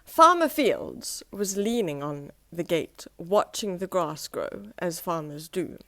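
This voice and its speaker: A woman reads a children's story aloud in a gentle, expressive manner. She goes slowly, and her voice rises and falls widely. The recording is dry and close. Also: on the low side, no echo.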